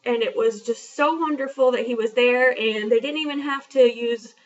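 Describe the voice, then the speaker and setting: A woman's voice: fairly high pitch, moderate pace. A young woman telling a personal story in a casual vlog, chatty and frank, with lots of fillers. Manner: chatty, frank and self-deprecating, with many fillers. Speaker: vlogger. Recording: dull lo-fi sound from a distance.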